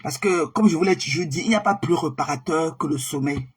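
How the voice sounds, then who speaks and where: A woman hosting a casual live stream, chatting warmly with viewers and greeting them by name, often repeating herself. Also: low-pitched, fairly quick, husky. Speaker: livestream host.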